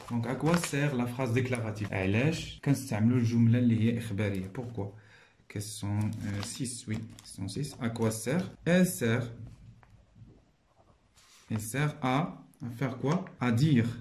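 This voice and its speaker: A man's voice: medium pitch, a little mellow. A man teaching a primary school French grammar lesson with a Moroccan accent. He explains each point in French, then repeats it in Moroccan Arabic.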